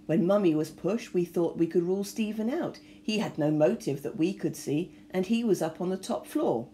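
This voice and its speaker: A woman reading a novel aloud with expressive storytelling. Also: on the low side, normal speed, a little hiss or hum. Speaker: reader.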